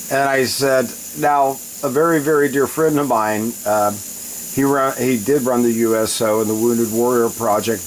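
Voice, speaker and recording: A man's voice: mid-range voice, rough recording. A man chatting casually and in a rambling way as he shows a recipe on a home cooking video, breaking off now and then. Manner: rambling, often breaks off to handle things. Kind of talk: casual cooking vlog chat. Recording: loud steady hiss behind voice. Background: loud hissing.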